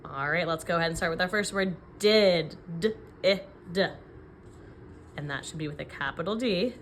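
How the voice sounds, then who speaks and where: A woman teacher dictating sentences word by word, sounding out letters and syllables deliberately and checking in with questions. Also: low-pitched, fairly bright tone, slight background noise. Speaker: elementary phonics teacher.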